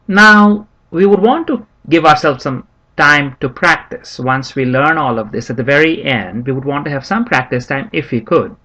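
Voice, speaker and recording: Male lesson host, upbeat and friendly, higher voice, slightly dull lo-fi recording. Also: normal speed. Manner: friendly, addresses viewers as friends, lively rising emphasis. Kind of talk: introductory maths lesson. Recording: dull lo-fi voice-over.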